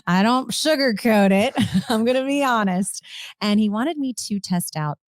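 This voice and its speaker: A woman's voice: on the high side, unhurried, dry recording, clean studio sound. A woman hosting a podcast in a casual, upbeat, chatty way, enthusing about products. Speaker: podcast host. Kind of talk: casual chat.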